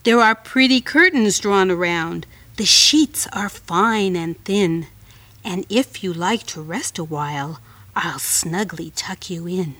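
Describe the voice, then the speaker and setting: A sly spider purrs low and slow, sweet-talking with hushed menace, as a woman reading aloud puts him on. The voice is close and dry, with no room sound. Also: lively intonation, no room sound, far from the mic, heavily acted. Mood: coaxing.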